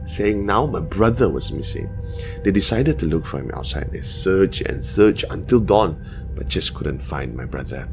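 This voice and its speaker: Low gravelly man narrating a haunting story. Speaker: storyteller, narrator of scary stories. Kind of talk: scary bedtime story narration in the first person.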